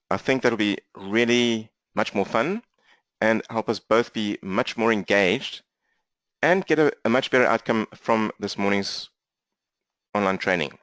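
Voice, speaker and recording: A man with a strong South African accent, speaking fast and energetically as he leads a live online training session from his laptop. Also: lowish voice, dry recording. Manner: fast-talking, energetic, interactive. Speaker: business coach for accountants. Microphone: laptop mic.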